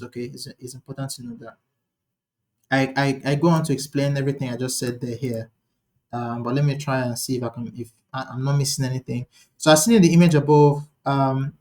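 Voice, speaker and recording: A man teaching a live online lecture, talking quickly and thinking aloud, often restarting his sentences. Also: a little high. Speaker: instructor.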